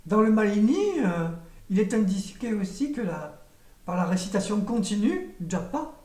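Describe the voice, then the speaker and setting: Woman, spiritual teacher, slow meditative delivery, mellow tone, roomy echo, heard from a distance. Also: medium pitch. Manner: calm, measured, meditative delivery with occasional hesitations.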